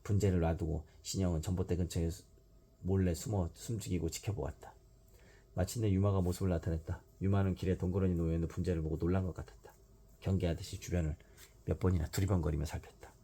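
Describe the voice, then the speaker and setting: Deep, gravelly dad reading a bedtime story. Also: male voice, fast, a little hiss or hum. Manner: steady read-aloud narration. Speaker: father reading to his child.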